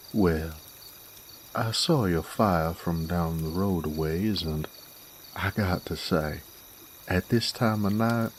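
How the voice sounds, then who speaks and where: A man speaks as a genial, smooth-talking cowboy drifter, a male werewolf bounty hunter, in a Western audio roleplay monologue addressed to the listener. His low, slightly mellow voice has an American Southern/Western drawl and a cautious, placating mood, while staying folksy, courteous, wordy and unhurried. A faint hiss or hum is present.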